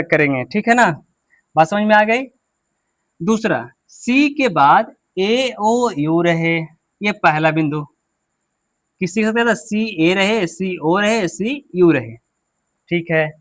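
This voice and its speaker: An English teacher, giving a pronunciation lesson in Hindi, asking questions and answering them himself. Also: male voice, high voice, a bit bright. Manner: drills with repeated questions and answers.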